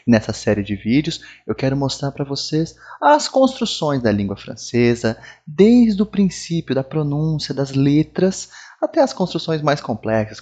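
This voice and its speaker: A man's voice: medium pitch, darkish tone. A Brazilian man with a Brazilian Portuguese accent, a French teacher giving a casual video lesson on pronunciation, friendly and often tagging his lines with "né?". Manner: friendly, repeats sounds and tags lines with "né?".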